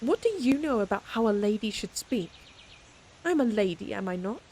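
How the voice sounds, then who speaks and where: A woman acts out a stern, proud lady knight in an audio roleplay, talking to the listener and scolding her companion, exasperated but secretly fond, with a defensive, haughty mood. She has a medium-pitched, darkish voice with big pitch swings at normal speed. There is slight background noise.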